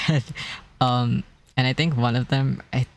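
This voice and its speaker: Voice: mid-range voice, steady tone, a little slow, vocal fry. A streamer chatting casually on a live stream, telling stories in a rambling way with many restarts and a self-described weak, easily strained voice.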